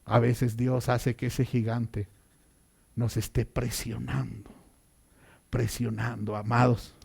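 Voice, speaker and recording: A man preaching a sermon as pastor, dramatic and swinging between loud and hushed passages. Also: mid-range voice, little pitch movement, slow, vocal fry, husky.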